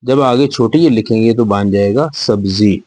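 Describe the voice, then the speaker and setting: A man's voice: on the low side, normal speed, darkish tone. A man teaching young children to read and write, spelling each word letter by letter and repeating it patiently. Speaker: Urdu teacher. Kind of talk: slow spelling lesson for children.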